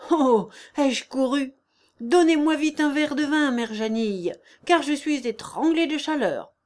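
A woman's voice: high voice, lively intonation, a little slow, darkish tone, pitched above the performer's own voice. A woman reading the part of an old, proud, hearty peasant carpenter man in an audiobook, in an emphatic, exclamatory manner.

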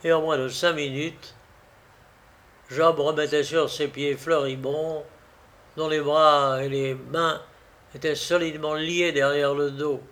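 A man narrating a novel as an audiobook, with a measured, dramatic reading. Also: fairly high pitch, little pitch movement, a bit bright.

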